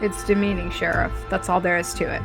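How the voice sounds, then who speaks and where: A woman's voice: fairly low pitch, flat delivery, fairly quick, vocal fry, music in the background. A woman reading game dialogue as a haughty, dismissive senior vampire, cool and condescending. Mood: curt, stern.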